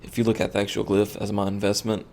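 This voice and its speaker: Man, game streamer, tired, gravelly low voice, rambling casual commentary. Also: completely flat delivery, fast, a little mellow, a little hiss or hum. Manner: rambling, thinks aloud with fillers.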